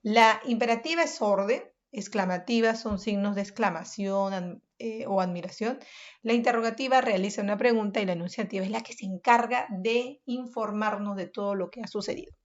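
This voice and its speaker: A woman's voice: mid-range voice, brisk, lo-fi sound. A woman from Peru, a primary school teacher, giving a review lesson and explaining step by step to her pupils.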